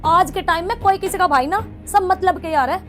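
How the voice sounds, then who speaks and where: An actress playing a sharp-tongued, argumentative young daughter-in-law with a Haryanvi accent. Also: female voice, extremely high pitch, a little fast, faint music behind.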